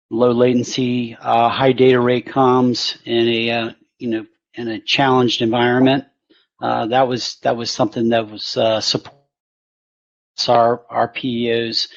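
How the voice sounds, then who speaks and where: Halting, flat-voiced man on a video call. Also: medium pitch. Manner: hesitant, halting, many fillers. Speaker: Navy program panelist. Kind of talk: unprepared panel remarks. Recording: muffled video call audio.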